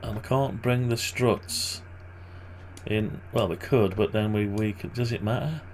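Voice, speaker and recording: A man with a groggy, gravelly morning voice and vocal fry endings, giving casual, hesitant think-aloud commentary on his screen work. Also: fairly low pitch, fairly even intonation, unhurried, a little mellow, a little hiss or hum. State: groggy morning voice, clearing throat. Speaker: maker narrating a design tutorial.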